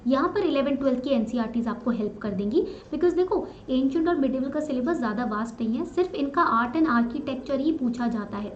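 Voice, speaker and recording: Female teacher, high voice, switches between Hindi and English, recorded in a slightly dull echoey room. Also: animated, fast, hardly any pauses, slight background noise. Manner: mixes Hindi and English, repeats points in English, frequent checking fillers. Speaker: exam prep teacher. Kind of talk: online exam strategy lesson.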